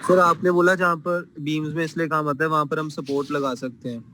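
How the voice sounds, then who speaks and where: A man speaking as a student in class, asking hesitant, halting questions of his teacher. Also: on the high side, flat delivery, sharp tone, a little hiss or hum.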